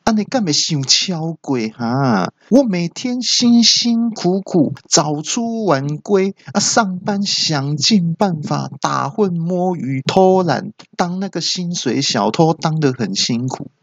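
A man doing a whiny high-voiced dad. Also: expressive, takes it slowly, few pauses, no room sound, exaggerated voice. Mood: whining. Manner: whining, complaining, exclamatory. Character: whiny indignant middle-aged dad, self-pitying. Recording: dull dry recording.

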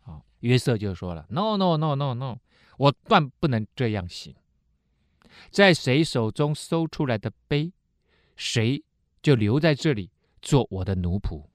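A man voicing a powerful ruler who speaks firmly and deliberately. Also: medium pitch, big pitch swings, no echo, clean studio sound. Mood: stern. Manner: firm, refusing, slow and deliberate. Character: stern powerful ruler, firm and commanding.

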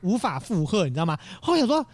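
A man's voice: high-pitched, very animated, fast talker, a little mellow. A man, telling a story in casual chat and acting out the voices he quotes.

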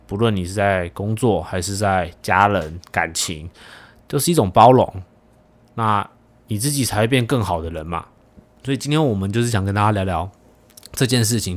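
A young man hosting a casual podcast chat, animated and teasing, swearing casually. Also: fairly low pitch. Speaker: podcast host.

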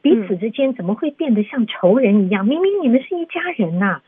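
A woman's voice: on the high side, big pitch swings, a little fast, slight background noise. A woman with a Taiwanese Mandarin accent co-hosting a conversational radio interview, reflective and prompting. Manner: reflective, prompting with questions and short agreements. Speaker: radio co-host. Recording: thin phone-like radio sound.

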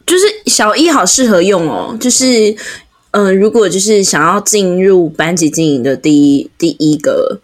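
A woman's voice: mid-range voice, normal speed. A woman, an elementary school teacher chatting on a podcast and often laughing as she retells classroom scenes. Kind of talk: casual chat about a picture book.

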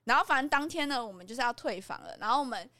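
A woman's voice: fairly high pitch, lively intonation, very fast, sharp tone, no room sound. A woman with a Taiwanese Mandarin accent, co-hosting a casual podcast chat and telling a story animatedly, acting out the lines she quotes. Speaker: podcast co-host.

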